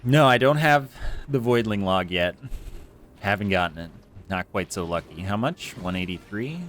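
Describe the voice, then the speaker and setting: Low-voiced man rambling on a stream. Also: expressive, normal speed, a bit bright. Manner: rambling, self-deprecating, chatty with many fillers. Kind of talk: casual gameplay stream chat. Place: home room with air conditioner. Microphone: close desk mic with foam screen.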